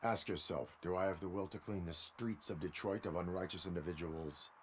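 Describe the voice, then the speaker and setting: An actor playing a stoic cyborg police officer in a video game, instructing in a formal, deliberate, steadying voice. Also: male voice, low voice, steady tone, slight background noise, lightly acted. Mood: steady, instructive.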